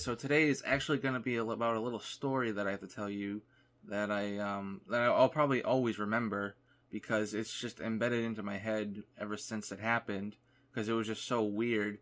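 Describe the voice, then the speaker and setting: A man's voice: fairly low pitch, fairly bright tone. A young man, a gaming YouTuber, casually telling a rambling story over gameplay and filling his talk with "like.". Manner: rambling, lots of "like" fillers.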